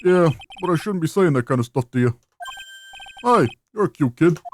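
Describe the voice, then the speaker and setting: A man's voice: a little high, lively intonation, normal speed, darkish tone, faint music behind, natural voice. A man voicing a blundering, good-hearted police detective from a video game, blunt and folksy in his talk. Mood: sympathetic, sheepish. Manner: blunt, folksy, tacks a pet word onto sentences.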